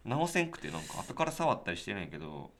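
A young man speaks. He chats casually on a podcast in a relaxed way, and now and then reads posts aloud. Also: lowish voice, fast talker. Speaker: podcast co-host, band member. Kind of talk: casual chat.

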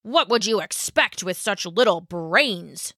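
A grand, greedy male Dragon King of the sea from a storybook, voiced by a woman. He speaks in a commanding, impatient way, slowly and with a bright edge. The recording is dry and close. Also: mid-range voice, animated, dry recording, heavily acted.

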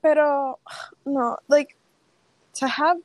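A woman's voice: sits high, steady tone, drawn-out words, no echo, poor audio. A young Puerto Rican woman co-hosting a podcast, chatting casually and with lots of slang in Spanglish, flipping between Spanish and English mid-sentence. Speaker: podcast co-host. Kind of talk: casual chat.

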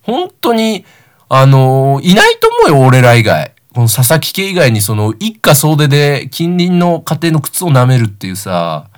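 A man's voice: mid-range voice, very animated, unhurried, smooth. A young man, about nineteen, hosting a solo comedic talk show and telling rambling, self-deprecating stories. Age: young adult, about 19.

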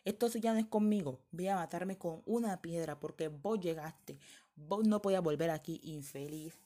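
A cruel old crone barks threats and orders in a scolding, menacing tone, as a woman storyteller puts her on. She speaks a little low for a woman, in a spoken storybook tale. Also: normal speed, dark tone, natural voice. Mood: threatening. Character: cruel scheming old woman, a witch-like tyrant.

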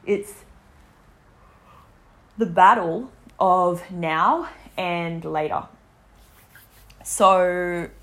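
A woman in her twenties talking casually to camera about health, chatty and full of fillers. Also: lowish voice. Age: 20s. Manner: chatty, many fillers and restarts. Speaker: vlogger.

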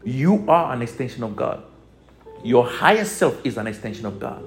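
A man's voice: mid-range voice, sing-song, moderate pace. Togolese-accented man coaching over music. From Togo, West Africa. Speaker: spiritual life coach, teacher. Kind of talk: motivational teaching with music.

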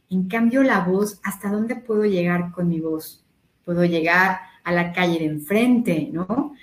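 A woman leading a voice workshop, calmly counting breaths and explaining exercises. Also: medium pitch, roomy sound. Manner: instructive, counting breaths aloud. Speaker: voice coach. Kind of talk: guided voice workshop.

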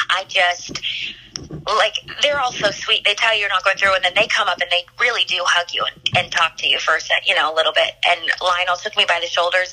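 A young woman being interviewed about her time as a singing contestant, telling the story in an animated, chatty way with lots of fillers. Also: lowish voice, low-quality recording. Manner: animated, chatty, laughs often, many fillers.

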